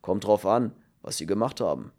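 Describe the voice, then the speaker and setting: A man voicing a gruff male prisoner with a bass voice and a dry, unctuous way of talking. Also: normal speed. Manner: growling, unctuous, deadpan.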